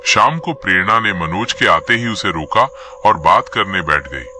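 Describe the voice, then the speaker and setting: A man's voice: deep voice, animated, measured pace, pushed and bright, slight background noise. A man narrating a scripted horror story in a dramatic, suspenseful manner. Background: faint music.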